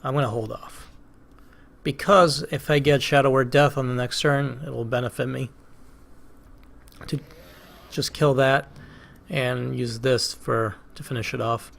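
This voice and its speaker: A man's voice: medium pitch, steady tone, unhurried, gravelly, long pauses, fairly bright tone. A man with a Boston accent hosting a casual let's play, thinking aloud through each move with hesitant, self-questioning commentary. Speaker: gaming channel host.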